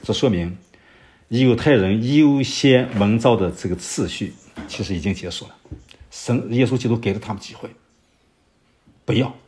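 A man's voice: fairly low pitch, normal speed, long pauses, darkish tone, slight background noise. Man giving an expository Bible sermon. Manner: expository Bible teaching with rhetorical questions; searches for references aloud with many fillers. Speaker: preacher.

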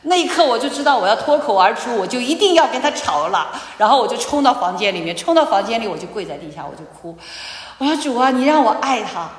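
A woman giving a personal testimony in church, telling her story with animated storytelling and acted-out dialogue. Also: fairly high pitch, quick pace. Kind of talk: sermon testimony. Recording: echoey hall.

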